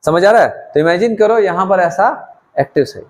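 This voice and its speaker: A man's voice: sits high, moderate pace. A middle-aged man teaching a biology class, acting out a demonstration with students and often asking whether they follow. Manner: animated, asks students questions and calls them "beta". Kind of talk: classroom lecture with live demonstration.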